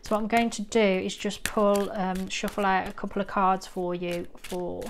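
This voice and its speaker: A woman's voice: mid-range voice, level tone, moderate pace, a little hiss or hum. A woman giving a pick-a-card tarot reading, encouraging and rambling, with frequent ums. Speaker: tarot reader.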